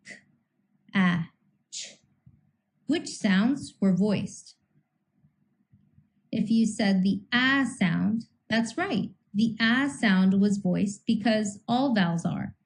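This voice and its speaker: A woman reading a scripted teaching lecture in a measured way, slowing down to sound out individual speech sounds. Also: mid-range voice, darkish tone, poor audio. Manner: measured, slows to sound out phonemes. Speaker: instructor.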